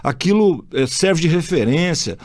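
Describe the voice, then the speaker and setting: A Brazilian man hosting a relaxed conversation, his voice sitting a little high and swinging widely in pitch as he tells stories. He talks bluntly, curses without a second thought and acts out each side of the exchanges he recalls. The sound is close and dry. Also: unhurried, dry recording. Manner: blunt, swears freely, acts out anecdotes. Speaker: podcast host. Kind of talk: casual chat.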